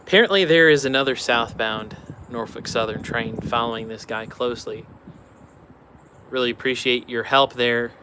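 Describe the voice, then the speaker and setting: A man chatting casually on a live stream and answering viewers' questions offhand. His voice is bright and clear. He is outdoors beside railroad tracks, with faint outdoor ambience behind him. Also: mid-range voice, normal speed, slight background noise.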